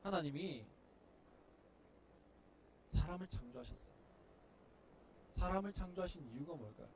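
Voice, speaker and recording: A male pastor delivers a sermon in a fairly high voice that rises and falls in wide, animated swings. He talks with emphasis, dropping to soft asides and then climbing to loud peaks. A faint hum of ambience sits behind him. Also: normal speed.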